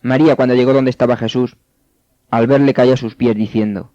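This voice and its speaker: A man narrating scripture in a steady, measured way. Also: mid-range voice, no room sound. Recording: dull, dry studio sound.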